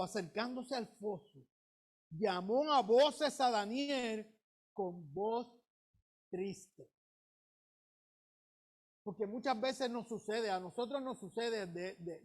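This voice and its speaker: A man preaching a Sunday sermon in a strikingly high voice. He retells the story with a storyteller's pull, slowing down and stretching key words, his voice rising in force at the peaks. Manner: retells the scripture story with drawn-out emphasis. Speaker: pastor.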